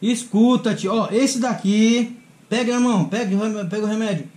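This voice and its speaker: A man's voice: high-pitched, normal speed, a little mellow. A man vlogging a prank, talking in a teasing, coaxing way and laughing often. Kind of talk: casual prank vlog.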